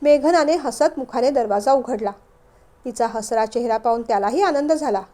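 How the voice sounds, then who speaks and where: A woman narrates an emotional family story in a calm, measured way. Her voice is high-pitched but mellow and dark in tone. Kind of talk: story reading.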